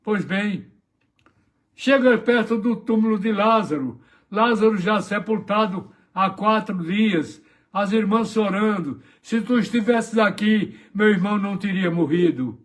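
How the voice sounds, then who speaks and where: A pastor with a high-sitting voice preaches a morning devotional sermon at a measured pace. He retells gospel scenes dramatically, acting out the voices of the people in them.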